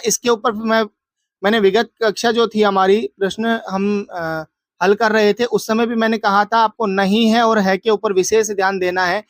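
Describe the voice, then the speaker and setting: A man's voice: sits high, fairly bright tone, no room sound. A man teacher going through exam answers, asking questions and answering them himself in a drilling, repetitive way. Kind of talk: exam answer walkthrough lesson.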